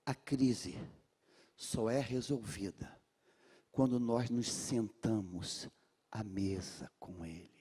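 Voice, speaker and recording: A man from Brazil with a Rio de Janeiro accent preaching a sermon in a large church, calling on the congregation to repeat his words and swinging from hushed lines to shouts. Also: fairly low pitch, slow pace, breathy edge. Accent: Rio de Janeiro Brazilian Portuguese. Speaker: pastor.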